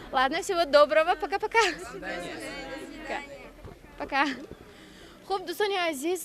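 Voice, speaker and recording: A woman's voice: high voice, fairly bright tone. A woman from Tajikistan, working as a TV reporter, chatting and prodding with questions in an informal interview. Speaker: TV reporter interviewing festival participants.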